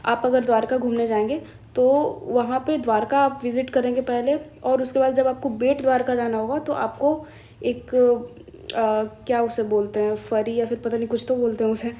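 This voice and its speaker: Mellow, higher-voiced woman explaining news. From India. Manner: chatty and explanatory, mixing in English phrases; thinks aloud with hesitations and self-corrections. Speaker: current-affairs teacher. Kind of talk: explaining a newspaper for exam students.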